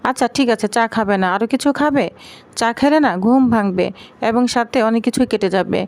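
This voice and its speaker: A woman's voice: a little high, moderate pace, natural voice. A woman voicing a domineering mother-in-law with a mocking, sarcastic way of talking, read within a serial recap.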